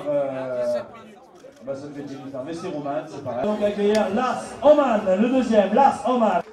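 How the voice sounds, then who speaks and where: A man announcing a race podium live, rallying the crowd and pausing often with hesitations. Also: a little high. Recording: echoey PA sound from far off with music and crowd.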